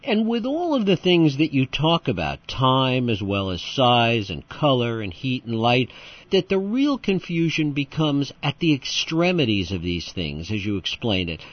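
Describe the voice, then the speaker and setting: A male radio host with a mid-pitched voice, reading measured, scripted introductions before turning to his guest. The audio is a little muffled. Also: very animated, no room sound. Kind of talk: radio interview.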